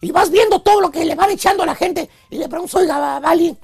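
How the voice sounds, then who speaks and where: Very high-pitched, gravelly woman. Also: quick pace. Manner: mocking, animated, often raising her voice. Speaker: comedy segment host. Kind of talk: comic storytelling on a radio show.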